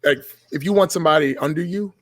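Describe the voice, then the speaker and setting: Fast-talking, profane man telling stories. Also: on the high side, no echo. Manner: blunt and profane, laughs while telling stories. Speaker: podcast guest. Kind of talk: casual storytelling.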